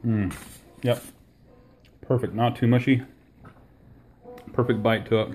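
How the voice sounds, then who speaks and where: A man talking casually to the camera about his cooking at home outdoors, relaxed and enthusiastic, with frequent fillers. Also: medium pitch, slow pace, soft background music. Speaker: home cook reviewing his new smoker.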